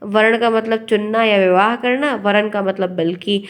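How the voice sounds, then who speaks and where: A woman's voice: medium pitch, fairly even intonation, moderate pace. Hindi woman teacher drilling pronunciation. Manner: explains and repeats words to stress correct pronunciation. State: unwell. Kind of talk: online exam-prep lesson.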